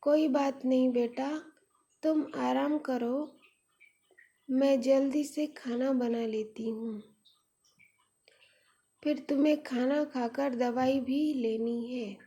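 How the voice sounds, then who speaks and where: Storybook mother, read by a woman: gentle, patient, high and slow. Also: fairly even intonation. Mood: tender. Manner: soothing, patient. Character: gentle caring middle-aged mother.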